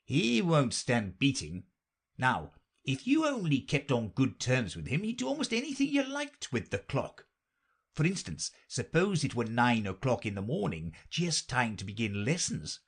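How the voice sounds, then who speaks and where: A rambling, theatrical hatmaker with a mournful streak, as a man narrator acts him out. His pitch bounces all over, and the voice has a husky grain. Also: huge pitch swings, a little slow, full character voice. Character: odd, mournful grown male hatmaker.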